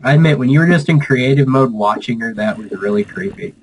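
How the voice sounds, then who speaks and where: A man's voice: mid-range voice, fairly quick, a little hiss or hum, rough recording. A young man chatting casually and bluntly while gaming over a call, teasing and swearing.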